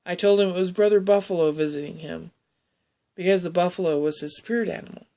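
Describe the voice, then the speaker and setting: A woman telling a personal story in a halting, rambling way, often restarting her sentences. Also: lowish voice, fairly even intonation, mellow.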